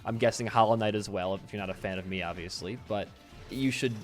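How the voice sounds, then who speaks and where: A nineteen-year-old man co-hosting a podcast, chatty and quick to laugh, often trailing off quietly at the ends of sentences. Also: on the low side, soft background music. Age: teens. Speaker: podcast co-host. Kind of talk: casual podcast chat.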